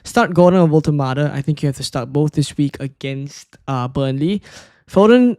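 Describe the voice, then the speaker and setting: A man's voice: on the high side, moderate pace, a little mellow, dry recording, studio quality. A man from Singapore, casually talking through his picks and answering chat questions on a live stream, thinking aloud with fillers and restarts. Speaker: fantasy football streamer.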